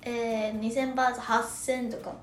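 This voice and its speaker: A young woman with a Kansai accent, telling a lively story in casual chat with plenty of laughs and fillers. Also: a little high, normal speed. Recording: roomy echo with faint background music.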